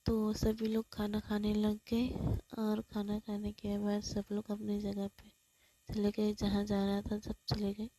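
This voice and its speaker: A woman's voice: medium pitch, monotone, unhurried, warm tone, husky, no echo, rough recording. A woman casually retelling a fan story in a chatty way, narrating scene by scene. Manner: chatty, keeps saying "our" hero.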